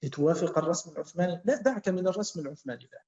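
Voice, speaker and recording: A man teaching a lesson to a class, talking slowly, repeating himself and quizzing students. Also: high-pitched, lively intonation, mellow. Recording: echoey, dull-sounding classroom.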